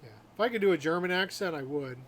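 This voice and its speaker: A man with a fairly high voice gives casual commentary while he streams a video game. He reads the game's lines aloud in character voices and drops in jokey asides. There is faint noise behind him. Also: expressive, fast, fairly bright tone.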